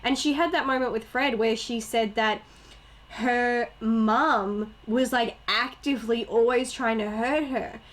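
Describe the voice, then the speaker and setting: A young woman with a slightly high voice chats casually about films on a podcast. She is animated, laughs often and slips into quoted lines as she talks. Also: measured pace. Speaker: podcast co-host. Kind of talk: casual movie chat.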